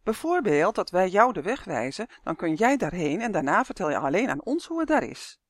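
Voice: medium pitch, very animated, a little fast, no echo, studio quality. A storyteller voicing Tummy, a gossip-loving dwarf twin in a children's story, who shares news in a confidential tone. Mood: eager. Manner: confidential, eager.

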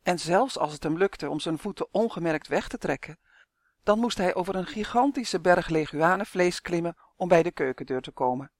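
A woman narrating a children's fantasy story in a measured, expressive way. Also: fairly low pitch, no room sound.

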